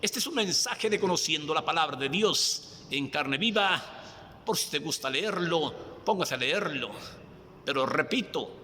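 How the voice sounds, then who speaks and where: A male preacher giving a devotional reflection on a Bible passage, with slow, emphatic pleading questions. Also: a little high, expressive, bright, forceful tone, in a large hall, slight background noise.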